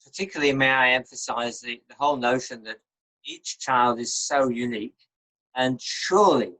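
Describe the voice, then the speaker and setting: An older man leads a class over a video call. He speaks in a measured, encouraging, teacherly way. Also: medium pitch, pushed and bright, low-quality recording. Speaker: lecturer. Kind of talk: online lecture.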